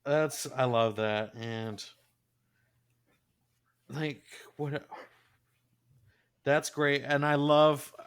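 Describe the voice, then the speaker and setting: A man's voice: medium pitch, little pitch movement, extremely slow, long pauses, clear, resonant tone. A man co-hosting a podcast, chatting casually and enthusiastically about an anime episode like a gushing fan. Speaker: podcast co-host.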